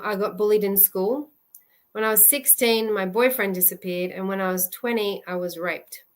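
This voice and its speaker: A woman love coach giving a live presentation in an earnest, halting way, often restarting her sentences. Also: mid-range voice.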